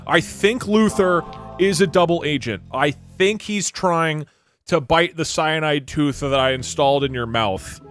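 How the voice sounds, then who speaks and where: A man's voice: a little high, measured pace, a bit bright, faint music behind. A man giving casual, joking commentary while playing a game, laughing often. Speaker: streamer.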